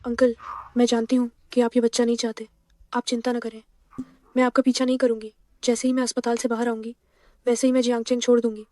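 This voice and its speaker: An actress playing a gentle, timid young pregnant wife who speaks softly and hesitantly. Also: female voice, fairly high pitch, level tone, quick pace, dry recording, lightly acted. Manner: soft, hesitant.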